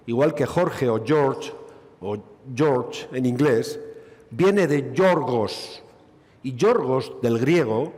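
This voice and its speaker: A middle-aged gynecologist from the Basque Country, Spain, delivers a conference lecture in a dark-toned, mid-range voice. His style is expansive, witty and rhetorical, sprinkled with dry asides, and the lecture hall adds reverb.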